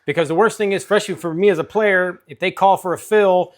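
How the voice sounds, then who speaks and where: A man's voice: sits high, fast. A man co-hosting a lesson as a player, chatting casually in informal, loosely phrased asides. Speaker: co-host and craps player. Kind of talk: casual chat.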